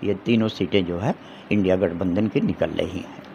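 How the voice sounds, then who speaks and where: A middle-aged man, an advocate giving forceful political opinions in an interview, firing off rhetorical questions and restarting his phrases. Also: low-pitched, normal speed, vocal fry, muffled recording, a little hiss or hum.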